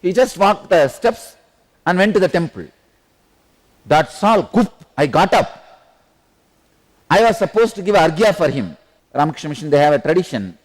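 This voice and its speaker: A South Indian man, a spiritual teacher, telling a personal story in a discourse, laughing now and then and phrasing slowly. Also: on the high side. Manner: laughs while telling stories, slow deliberate phrasing.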